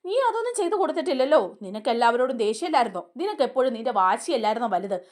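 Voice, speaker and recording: A woman reads out a calm older man scolding a relative. His lines come quick and firm in a fairly high voice, reasoning step by step.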